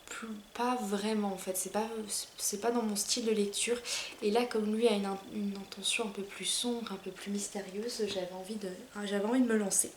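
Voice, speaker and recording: French woman, soft low voice, casual hesitant chat, echoey room with faint background hum. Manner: chatty, hesitant with frequent fillers and restarts. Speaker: book vlogger. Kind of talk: casual monthly reading-list chat.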